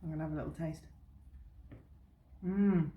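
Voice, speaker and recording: A woman co-hosting a casual chat, enthusiastic and quick to laugh. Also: sits low, steady tone, phone-quality sound. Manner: chatty and enthusiastic, laughs often. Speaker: co-host. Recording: roomy with faint background noise.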